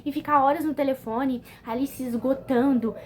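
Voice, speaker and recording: A woman's voice: sits high, steady tone, moderate pace. Chatty Brazilian woman giving advice. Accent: Brazilian Portuguese. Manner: conversational, repeats "entendeu?" often, restarts. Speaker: personal development vlogger. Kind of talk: casual motivational talk to camera.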